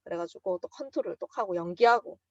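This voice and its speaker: Woman, Busan accent, seminar talk, animated storyteller, dry slightly dull recording. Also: fairly low pitch, brisk, dry recording. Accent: Busan Gyeongsang. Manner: lively storytelling, acts out quotes with bursts of emotion. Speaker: business speaker giving a seminar talk.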